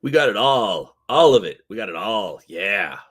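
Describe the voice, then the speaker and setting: A man voicing a twitchy, shifty male orc drug dealer with fast, wheedling street slang. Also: fairly low pitch, big pitch swings, fairly bright tone, slightly rough, exaggerated voice. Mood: hustling.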